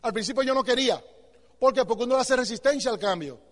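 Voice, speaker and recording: A man gives an emphatic motivational talk in a very high voice. He talks fast and keeps throwing rhetorical questions at the listener. His voice carries a long reverb from a large hall. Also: fairly bright tone. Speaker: motivational speaker.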